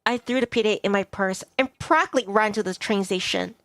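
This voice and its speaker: A woman streamer reads a visual novel aloud expressively, narrating the story with a medium-pitched voice and a fast delivery. There's no echo, and soft guitar music plays behind her.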